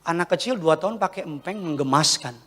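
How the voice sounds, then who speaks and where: A male pastor preaching a Sunday sermon, telling family stories in a lively way. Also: on the high side, fairly quick, a little hiss or hum. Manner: lively storytelling with family anecdotes. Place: large church hall, Sunday service. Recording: long church-hall reverb.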